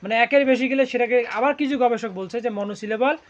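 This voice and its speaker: Male teacher with a high voice, call-and-response classroom drilling, dull lo-fi recording. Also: fast, crowd noise. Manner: quizzes students constantly, ending lines with "right?". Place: classroom with students.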